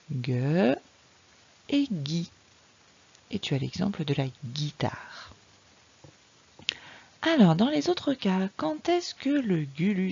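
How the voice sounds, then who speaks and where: A woman teacher giving a patient, slow, explanatory reading lesson to a young child. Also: medium pitch, creaky, slightly rough, muffled recording. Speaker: primary school teacher.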